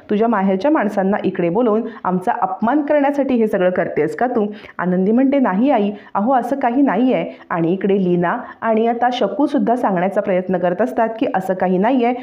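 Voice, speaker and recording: A woman narrating a television serial recap as a story, voicing each character's lines in turn with animated delivery. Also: mid-range voice. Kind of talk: dramatic story retelling with voiced dialogue. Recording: dull lo-fi sound.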